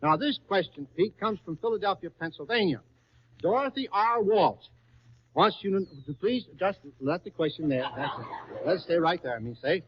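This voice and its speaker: Recorded in 1939 through a stage broadcast mic, this muffled, lo-fi clip carries a little hiss or hum. A high, expressive quiz host at normal speed coaxes contestants with repeated questions and exclamations before a live studio audience.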